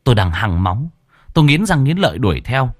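A man's voice: mid-range voice, sing-song, a little fast, no echo, clean studio sound. A man narrating a first-person ghost story in a dramatic storytelling manner.

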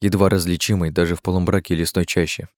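Deep-voiced man reading an audiobook. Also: flat delivery, fast talker. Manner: reads steadily, shifts pitch for dialogue. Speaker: audiobook narrator. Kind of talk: audiobook narration with character voices.

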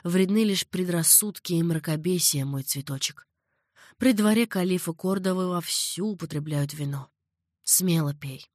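A woman voicing a passionate young nobleman who is in love, speaking low, hushed and earnest. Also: normal speed, no echo, studio quality, close to an everyday voice. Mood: persuasive.

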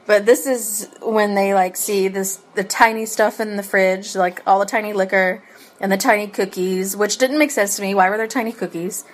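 A woman's voice: medium pitch, steady tone, moderate pace. A woman co-hosting a casual podcast chat, recapping an episode with frequent laughs and ums. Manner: laughs often, many ums and restarts; eating while talking.

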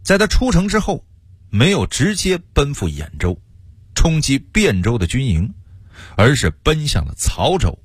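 A man tells a history story for radio, lively and fond of playful asides. His voice is husky, and his pitch rises and falls widely. The studio sound is dry and close. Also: no room sound.

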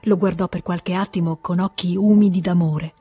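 Breathy woman reading a classic novel. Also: on the low side, no room sound, soft background music. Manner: measured, calm reading. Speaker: audiobook reader. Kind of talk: literary audiobook narration.

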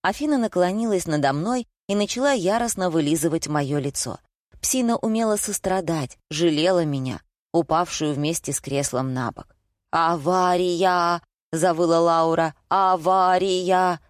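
Low-voiced woman narrating an audiobook. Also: moderate pace, no room sound, clean studio sound. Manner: lively, expressive storytelling. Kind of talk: first-person audiobook narration.

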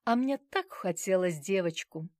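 Voiced by a woman, a poised young mother from an audiobook, cool and self-assured with dry amusement. Her delivery is animated and the sound is dry and close. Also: fairly low pitch, measured pace, dry recording. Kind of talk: audiobook character reading.

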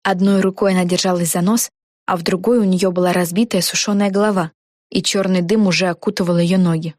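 A woman narrating a children's storybook in an even, clear manner. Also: lowish voice, fairly quick, no echo, clean studio sound.

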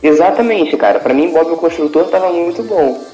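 A man's voice: fairly high pitch, lively intonation, brisk, dark tone, faint music behind, poor audio. A Brazilian man on a podcast, giving blunt, dismissive opinions in casual chat. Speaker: podcast co-host.

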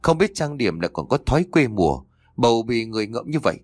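A man's voice: mid-range voice, big pitch swings, quick pace, darkish tone, no echo. A man voicing an arrogant, cold young husband, speaking contemptuously through gritted teeth in a storybook reading.

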